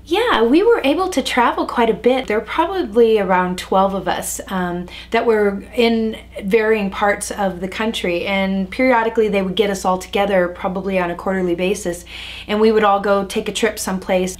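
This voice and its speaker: An American woman in her forties, reminiscing in a relaxed interview, chatty with frequent ums and easy laughs. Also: mid-range voice, moderate pace. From United States. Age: 40s.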